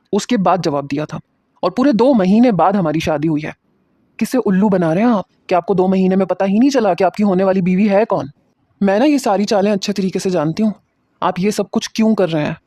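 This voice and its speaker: A man doing a furious sharp-tongued young bride. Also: high voice, no echo, natural voice. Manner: scolding, threatening.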